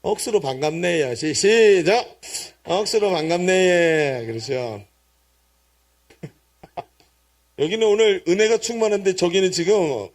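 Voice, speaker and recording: A middle-aged man preaching a sermon as pastor in a church, playful and teasing the congregation with jokes. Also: sits high. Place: church sanctuary.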